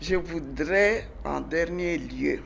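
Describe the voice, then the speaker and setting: A woman's voice: low voice, slow, gravelly, slight background noise. Older woman telling her story. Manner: animated, emphatic, drops to soft murmurs. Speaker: guest. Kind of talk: TV interview storytelling.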